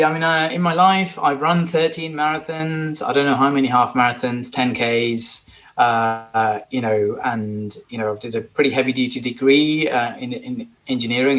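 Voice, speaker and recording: Guest: man in his forties, from Sri Lanka, earnest and eager, mid-pitched voice. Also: fairly bright tone. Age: 40s. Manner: earnest, eager, with some restarts. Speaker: podcast guest. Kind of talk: conversational interview.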